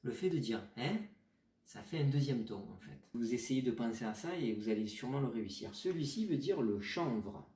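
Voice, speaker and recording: A man's voice: medium pitch, expressive, dark tone, distant mic. Man teaching tones in a roomy space. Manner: patient, explanatory, models tones slowly. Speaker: Chinese teacher. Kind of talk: pronunciation lesson.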